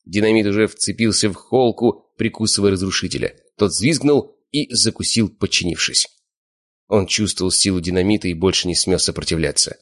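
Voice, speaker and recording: A man narrating an audiobook in the first person, steady and smug. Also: low voice, a little fast. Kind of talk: scripted narration.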